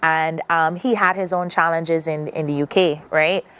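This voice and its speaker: A woman with a Barbadian accent and a deep, smooth, slightly bright voice speaks steadily at a moderate pace as a morning TV guest. Earnest and reflective, she restarts her sentences frequently.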